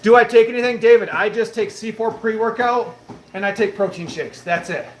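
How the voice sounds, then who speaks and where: A man in his late thirties, hosting a livestream on his home treadmill, talks a little fast in a high voice. He responds to viewers in an upbeat, motivating manner, and the recording carries a roomy echo and faint background noise from the indoor room.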